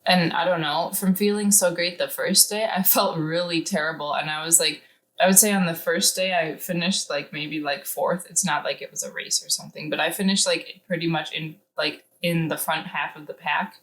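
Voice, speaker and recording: A woman with a distinctly low voice chats casually. She talks in a hesitant, conversational way, hedging as she goes. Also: fairly even intonation, normal speed, a bit bright, poor audio. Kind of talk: casual chat. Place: inside a tent.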